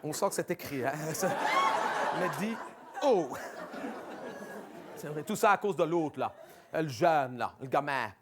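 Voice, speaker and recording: A man's voice: fairly high pitch, a little slow, long pauses, over a noisy crowd, heavy background noise, natural voice. A man playing a fretful, chatty middle-aged housewife and mother in a comic stage monologue, rambling and grumbling over and over. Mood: exasperated. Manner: rambling, repetitive, exasperated grumbling.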